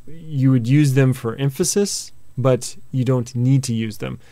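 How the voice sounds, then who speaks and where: A man teaching a video lesson, patiently explaining with examples and memory tricks, often pausing on filler sounds. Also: mid-range voice, dark tone, dry recording. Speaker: language teacher.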